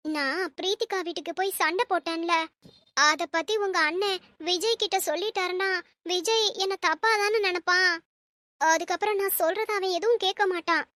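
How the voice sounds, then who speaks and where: A woman's voice: very high voice, brisk, sharp tone, dry recording, studio quality. A woman playing a fretful scheming mother. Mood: anxious. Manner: plaintive, emotional pleading. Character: worried scheming middle-aged mother. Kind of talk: family drama skit acting.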